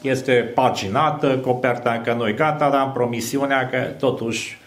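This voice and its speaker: A man in his sixties gives a thoughtful talk at a book launch, pausing often between phrases. His voice comes through a stand microphone in a small room with noticeable echo. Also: mid-range voice, fairly even intonation. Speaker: literary critic. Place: small hall with a banner backdrop. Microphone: mic on a stand.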